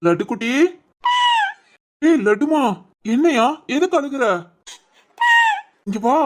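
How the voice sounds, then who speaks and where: A woman voicing a patient young father who soothes his crying daughter, in an animated family story. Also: medium pitch, normal speed, natural voice. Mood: soothing. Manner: soothing, reassuring.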